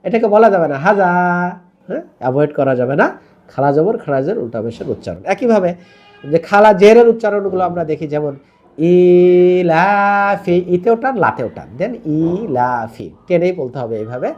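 A man's voice: high voice, very animated, fast, darkish tone, muffled recording, faint music behind. A man teaching tajweed, patiently explaining rules and demonstrating Arabic pronunciation by drawing out the vowels, with English words mixed in. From Bangladesh. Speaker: online Quran teacher.

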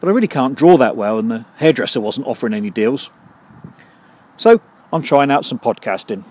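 A man hosting his own podcast, delivering a scripted comedy monologue in a dry, deadpan way full of puns. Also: medium pitch, brisk. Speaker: podcast host.

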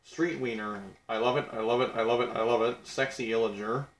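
A young man rattling off game eliminations in a blunt, crude, self-mocking way, his voice sitting at an ordinary middle pitch. The recording picks up a noticeably echoey room around him. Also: fairly even intonation, a little fast. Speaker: game commentator. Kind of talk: casual game commentary.

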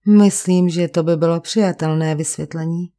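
A woman's voice: lowish voice, steady tone, warm tone, close to an everyday voice. A weary, cultured young painter, read by a woman. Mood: resigned, cultured. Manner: cultured, resigned. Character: frail, refined male painter around thirty, weary.

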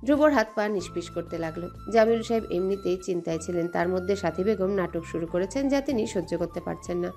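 Brief: female narrator, mellow warm tone, steady dramatic storytelling. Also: lowish voice, fairly quick, few pauses, soft background music.

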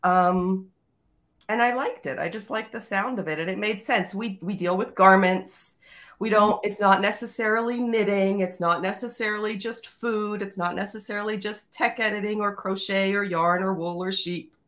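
A woman's voice: mid-range voice, normal speed, fairly bright tone. A woman from Canada, chatting as a guest on a video call and telling stories with plenty of fillers. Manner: chatty, storytelling, many fillers. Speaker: guest, tech editor. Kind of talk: casual chat.

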